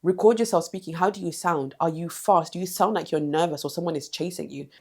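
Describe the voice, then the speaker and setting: A woman's voice: fairly low pitch, fast talker, a little mellow. A woman giving direct, emphatic confidence advice in a vlog, repeating short commands. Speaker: confidence coach.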